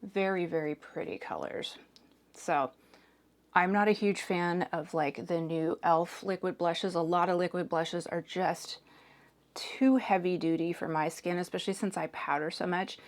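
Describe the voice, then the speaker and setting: A hoarse woman in her forties chatting casually as she does her makeup, hedging with "like" and "sort of". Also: fairly low pitch, fairly even intonation, a little slow. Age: 40s. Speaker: makeup reviewer. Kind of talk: casual chat while doing makeup.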